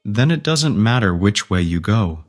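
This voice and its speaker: Grinning talking cat, storybook fantasy, low-pitched, cryptic, unhurried, matter-of-fact, faint music behind. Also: female voice, lively intonation. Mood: cryptic, unbothered.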